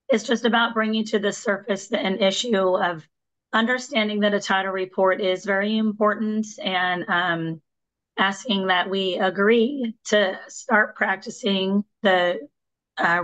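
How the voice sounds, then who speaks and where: A woman giving a meeting presentation to fellow agents, hoarse because she is losing her voice. She speaks at an average pitch and keeps stopping on ums and restarting her sentences. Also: fairly bright tone, lo-fi sound. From Washington state. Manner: hesitant, many ums and restarts. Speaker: real estate agent presenter.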